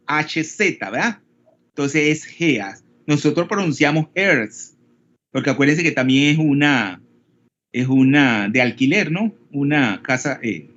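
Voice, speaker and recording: A man with a Panamanian Spanish accent lectures an online class in a fairly high voice. He explains step by step and keeps checking that his students follow. The sound is dull and lo-fi, like call audio. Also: fairly bright tone. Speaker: teacher.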